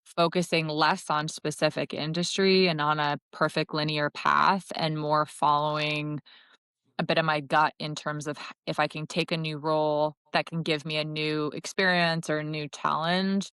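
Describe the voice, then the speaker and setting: Brief: middle-aged woman from Connecticut, low smooth voice, reflective guest on a podcast, close dry mic. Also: level tone, normal speed, a bit bright, no room sound. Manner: thoughtful, self-correcting, with light laughs. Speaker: marketing executive guest. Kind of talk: casual interview talk.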